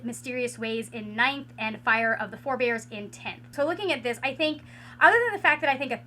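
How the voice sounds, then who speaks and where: Woman book vlogger, hoarse and raspy, bright tense tone, higher-pitched, casual home chat full of fillers. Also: slight background noise. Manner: rambling, many filler likes and restarts. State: hoarse after losing her voice. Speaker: book reviewer. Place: at home with a ring light.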